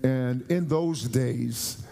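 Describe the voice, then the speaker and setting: A man from the United States preaching a sermon earnestly, often repeating and restarting phrases and slowing down to stress a point. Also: mid-range voice, vocal fry, mellow. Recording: long hall reverb.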